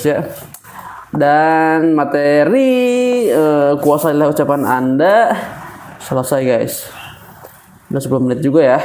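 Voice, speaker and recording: A young man with a slightly high voice reads a speaking lesson from a book, steady and instructive. He slips into relaxed, slangy asides between passages. A faint hiss of noise sits under the recording. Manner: reads in a lecturing tone, then breaks into casual slangy chat. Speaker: public speaking practice host. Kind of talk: reading from a book aloud, with casual asides.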